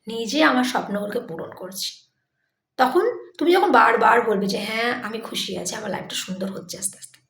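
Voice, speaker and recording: A woman's voice: sits high, vocal fry, roomy sound. A woman giving a motivational talk, speaking directly to the listener in an earnest, coaxing way.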